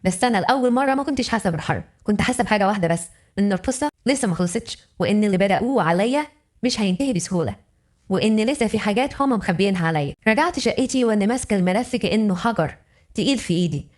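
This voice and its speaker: A woman's voice: mid-range voice, expressive, very fast, darkish tone. A woman with an Egyptian accent narrating a dramatic first-person story in an emotional, intimate way. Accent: Egyptian Arabic.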